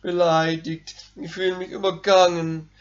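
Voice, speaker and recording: A man voicing his own whiny, self-pitying old ego in a sermon, complaining in a lower, whimpering tone. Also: level tone, unhurried. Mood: whining. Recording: dull lo-fi recording.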